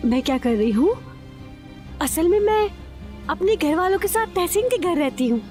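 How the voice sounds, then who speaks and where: Dub role: a bold young schemer, playful and persuasive, high pitch. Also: female voice, expressive, normal speed, darkish tone, faint music behind. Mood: coaxing. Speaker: dubbing actor. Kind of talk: Urdu dub of a TV drama.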